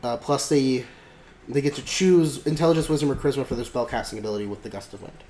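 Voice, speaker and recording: A man's voice: medium pitch, quick pace, a little mellow. A man hosting a podcast in casual chat, rambling with lots of fillers and restarts. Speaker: podcast host. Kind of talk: casual chat about a tabletop game. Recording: echoey room with faint noise.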